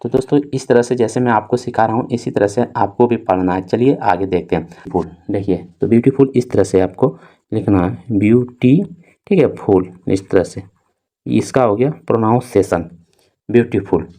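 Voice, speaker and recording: A man's voice: on the low side, mellow. A young man teaching English reading, spelling words out letter by letter and repeating "theek hai" and "dosto" over and over. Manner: slow, drawn-out spelling of letters.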